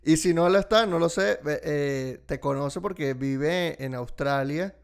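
A man's voice: fairly high pitch, unhurried, vocal fry, clear, resonant tone. A man hosting a casual interview, chiming in with short remarks and reading out listener questions. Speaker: host.

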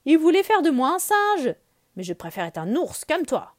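A stubborn little jungle boy in a storybook, voiced by a woman reader. His voice rises high and loud with defiance. The recording is dry and close. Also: sing-song, normal speed, no echo. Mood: pleading.

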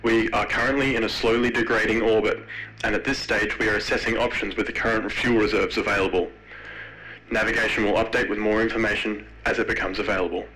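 A man voicing a calm female ship officer making a formal announcement over a crackly intercom. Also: on the low side, fast.

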